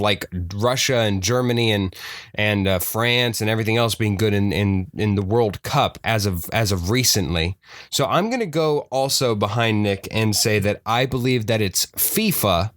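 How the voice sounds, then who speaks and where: A man's voice: mid-range voice, dry recording, studio quality. A man co-hosting a casual podcast, rambling and joking as he guesses at trivia. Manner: rambling, jokey. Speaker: podcast co-host. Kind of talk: casual chat.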